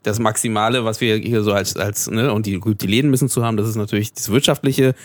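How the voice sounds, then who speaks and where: A man's voice: on the low side, steady tone, fast talker, no room sound. A man interviewing a guest, asking loose, casual questions and restarting his sentences.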